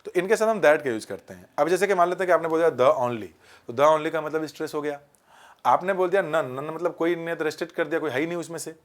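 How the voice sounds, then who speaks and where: A man's voice: on the high side, fast. Indian man teaching grammar at a board. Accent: Indian English. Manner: mixes Hindi with English examples, asks viewers to comment; acts out little scenes with voices for illustration. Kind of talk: classroom lesson at a whiteboard.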